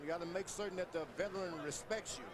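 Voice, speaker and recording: A man's voice: sits high, fast, a crowd in the background. A man giving live expert boxing commentary in an instructive, explanatory way. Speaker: boxing analyst. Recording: loud arena noise behind voice.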